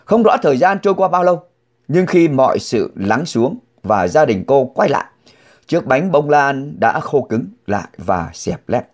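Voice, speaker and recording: A man reading news stories aloud to his listeners in a halting, deliberate way, with emphatic pitch swings. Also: sing-song. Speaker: news reader.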